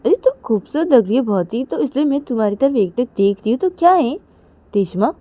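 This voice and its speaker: A teasing, insistent young woman, played by a woman reader, who keeps pressing her partner with the same questions. The voice sits well above an everyday register and comes out loud and mellow. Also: lively intonation, fairly quick. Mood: teasing, pleading. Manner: high-pitched, pleading, repetitive questioning.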